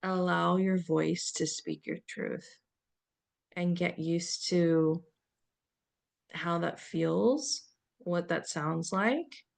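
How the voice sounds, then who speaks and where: A middle-aged woman giving a gentle, meandering self-help talk as a spiritual coach, with many fillers and soft laughs. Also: lowish voice, creaky.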